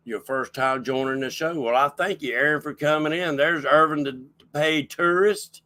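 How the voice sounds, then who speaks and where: A man's voice: on the high side, normal speed, sharp tone, no room sound. A man hosting a casual livestream chat show, folksy and rambling as he welcomes people in. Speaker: show host.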